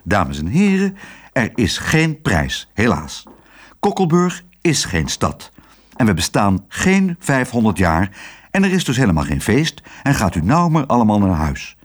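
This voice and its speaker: A man's voice: fairly low pitch, huge pitch swings, unhurried, exaggerated voice. A man reading aloud and voicing a nervous, fussy village mayor who gets agitated and stammers. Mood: worried.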